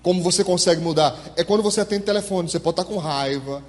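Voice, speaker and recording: A pastor, preaching a sermon in church and calling on the congregation to answer him. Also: male voice, high voice, fast. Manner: animated, asks the congregation to respond. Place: church hall. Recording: echoey church hall.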